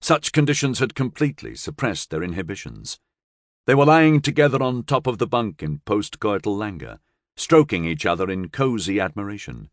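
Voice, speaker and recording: Guy reading a sci-fi audiobook, lively intonation, dry close sound. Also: lowish voice, normal speed, no room sound. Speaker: audiobook narrator. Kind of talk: scripted narration.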